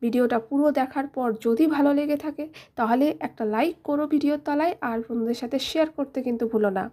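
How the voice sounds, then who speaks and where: Lady teacher, high voice, spells out words slow for little kids. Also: mellow. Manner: spells words letter by letter and repeats them slowly; friendly, speaks directly to children. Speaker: teacher and channel host. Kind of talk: children's English lesson.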